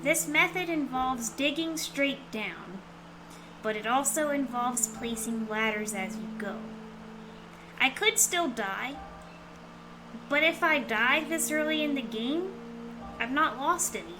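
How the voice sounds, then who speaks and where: With music playing underneath, a woman streams a game in a high, animated voice, speaking a little slowly. Her commentary is casual, rambling and playful in a cute anime-streamer style, and the background is clearly noisy.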